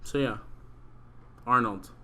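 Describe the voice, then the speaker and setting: Rambling, profane young podcast host. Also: male voice, mid-range voice, slow pace, bright, forceful tone. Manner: rambling, profane, heavy use of "like". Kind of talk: casual chat.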